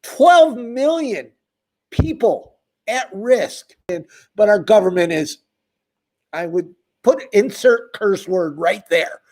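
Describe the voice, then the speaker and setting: A high male voice with lively intonation and a darkish tone unfolds slowly. The speaker, who hosts a homeless advocacy channel, talks directly to the camera in an emphatic, impassioned rant at his audience.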